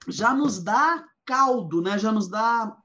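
A woman's voice: a little high, lively intonation, slow pace, bright, forceful tone. A woman from Goiás, Brazil, leading an informal discussion, reading quotes and thinking aloud with many restarts. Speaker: discussion host. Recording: dull lo-fi sound.

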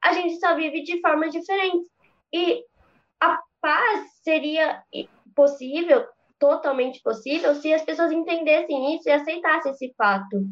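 A woman with a clearly high voice sets out her view in a steady, earnest way. The sound is dull and lo-fi. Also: measured pace. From Cuiabá, Brazil. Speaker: discussion participant.

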